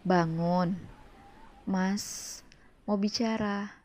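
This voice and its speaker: A woman's voice: medium pitch, fairly even intonation, extremely slow, darkish tone. A woman reading a firm, restrained husband. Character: calm, firm adult husband. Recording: dull lo-fi audio.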